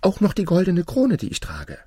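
A man voicing a spoiled young princess, whiny and eager, in a high, pleading way, reading a fairy tale. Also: wildly swooping pitch, normal speed, mellow, breathy edge, no room sound, studio quality, full character voice.

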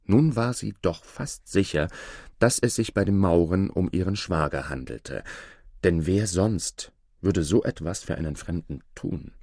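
A man with a very deep voice reads a fairy tale aloud, calm and measured. The sound is dry and close, with no room around it. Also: no echo. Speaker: narrator.

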